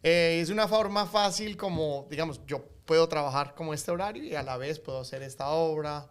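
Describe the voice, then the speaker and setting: A middle-aged actor and coffee entrepreneur, born in the United States to a Colombian family, tells his life story in Spanish as a guest in a relaxed interview. He has a Colombian accent and a fairly high, clear, resonant voice, and he talks fairly quickly, with plenty of fillers and restarts.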